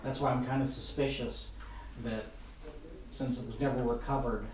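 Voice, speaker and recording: A man's voice: mid-range voice, steady tone, moderate pace, a little mellow. A man in a casual group discussion as a paranormal investigator, explaining his thinking point by point. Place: reverberant room indoors. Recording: echoey room, distant mic, faint hiss.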